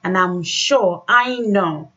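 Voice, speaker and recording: A woman's voice: on the low side, slow, pushed and bright. Emphatic woman radio host, dull lo-fi sound. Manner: emphatic, repeats phrases. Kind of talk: exhortatory religious radio introduction.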